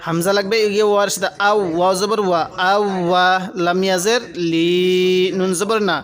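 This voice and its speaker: A man with a high, light voice leads a Quran reading lesson. He spells out each letter slowly, then chants the joined syllables with long drawn vowels. Between the readings he explains the rules patiently and puts questions to the viewer. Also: fairly even intonation.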